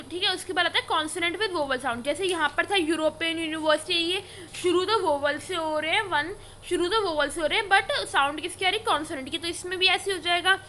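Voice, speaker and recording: A woman's voice: extremely high pitch, bright, forceful tone, slight background noise. A woman teacher explaining a grammar lesson, asking questions and answering them herself. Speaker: English teacher.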